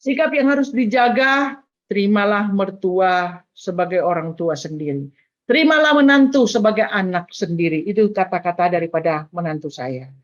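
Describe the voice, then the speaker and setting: A woman's voice: mid-range voice, lively intonation, normal speed. Older woman giving earnest family advice. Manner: earnest, advising, with frequent "nah" and "eh" fillers. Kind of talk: teaching talk on family life. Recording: dull lo-fi sound.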